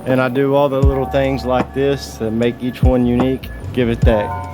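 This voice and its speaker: A man's voice: medium pitch, little pitch movement, normal speed, over music. A man gives a casual, folksy, easygoing project walkthrough as a handyman vlogger, slurring slightly and whistling on his s sounds because of dentures.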